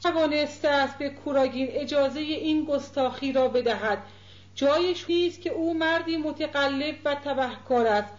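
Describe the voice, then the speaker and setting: A woman's voice: high-pitched, close to an everyday voice. A woman reading a storybook voicing an anxious young woman who questions and pleads, in a dull echoey recording. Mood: troubled.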